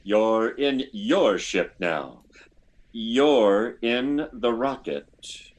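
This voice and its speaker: An actor playing a hesitant, probing army psychiatrist in an old-time radio science fiction drama, stammering and deliberate. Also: male voice, medium pitch, lively intonation. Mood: methodical, hypnotic.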